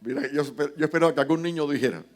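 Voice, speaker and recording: A man's voice: fairly high pitch, very fast. A male pastor, preaching a sermon with passion and rhetorical asides to the congregation. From Cuba. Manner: impassioned preaching, retells scripture in dramatic quoted voices.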